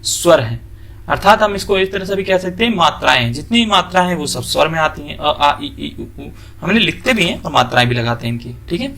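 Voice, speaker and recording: Male teacher, fairly high voice, explains step by step with questions of his own. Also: lively intonation, gravelly, sharp tone, slight background noise. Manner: asks questions and answers them himself; draws out example sounds slowly. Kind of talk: classroom lesson.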